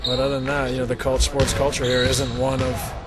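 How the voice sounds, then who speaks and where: A man in his thirties, a basketball player, answering reporters in a measured, thoughtful way in a practice gym. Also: medium pitch, monotone. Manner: measured, thoughtful, many fillers. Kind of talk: post-practice media interview. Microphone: cluster of handheld reporter mics.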